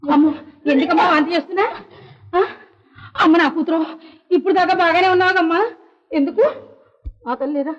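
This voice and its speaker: A woman's voice: extremely high pitch, fairly even intonation, a little fast, pauses often. An actress playing an anxious, fussing middle-aged mother in a dull old film soundtrack. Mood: worried. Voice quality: fretful, exclaiming. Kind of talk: 1970s film acting.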